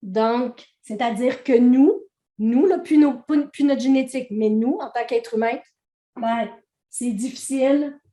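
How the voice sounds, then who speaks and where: A woman trainer with a Québécois accent explains ideas to a group in a relaxed, conversational way. Her voice sits a little high, and she keeps checking in with the listeners. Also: unhurried, echoey room. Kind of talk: teaching a training session.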